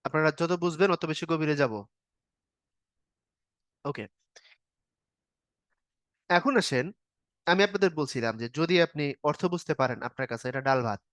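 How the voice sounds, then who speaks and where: A man's voice: a little high, animated, moderate pace, long pauses, fairly bright tone, no room sound. A man teaching a grammar class online, explaining step by step in an informal spoken style and asking the students questions. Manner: informal spoken style, casual verb forms. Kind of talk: online exam-prep lecture.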